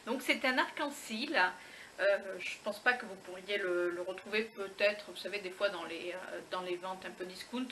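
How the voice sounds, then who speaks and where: Woman vlogger, chatty and exclamatory, bright timbre, faint background noise. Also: mid-range voice, normal speed, rough recording. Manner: chatty, exclamatory, many fillers and restarts. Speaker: beauty vlogger. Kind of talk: casual unboxing chat.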